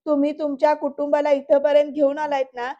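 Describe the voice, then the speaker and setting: A woman's voice: high voice, level tone, a little fast, muffled recording, lightly acted. A woman reading the lines of a devout, outspoken young wife in a serial recap, firm and questioning.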